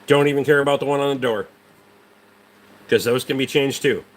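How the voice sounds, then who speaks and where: With a medium pitch, fairly even intonation, and a fairly quick pace, a Rhode Island-accented man hosts a casual livestream. He's from Rhode Island in the United States and answers viewers bluntly and dismissively, cursing heavily.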